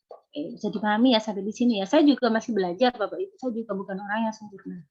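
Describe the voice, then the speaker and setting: A woman giving a parenting seminar to parents, explaining points and checking in with her listeners directly. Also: a little high. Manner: explanatory, addresses the audience directly with rhetorical checks. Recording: muffled lo-fi recording.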